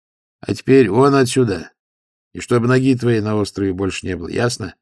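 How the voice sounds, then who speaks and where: Gruff stoker, scolding, mocking, low gravelly voice, audiobook, read by a man. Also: a little fast, a little mellow, dry recording, studio quality, lightly acted. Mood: shouting. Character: gruff, sharp-tongued male monastery stoker.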